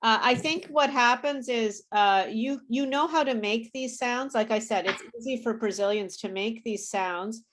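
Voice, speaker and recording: A woman's voice: on the high side, moderate pace, hardly any pauses. A woman with a standard American accent who teaches pronunciation in a casual, encouraging way, demonstrating sounds word by word. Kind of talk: casual online class teaching.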